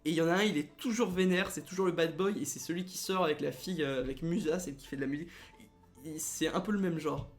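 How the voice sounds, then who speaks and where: A man's voice: on the high side, fast, faint music behind. A young man hosting a let's play in casual gaming commentary, reading the game text aloud and adding sarcastic, joking asides.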